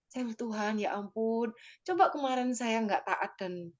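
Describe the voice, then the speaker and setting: A woman's voice: fairly high pitch, normal speed, highs cut off. A woman giving a personal testimony to her church group, talking conversationally and emotionally, with many fillers and tag phrases, and speaking directly to her listeners.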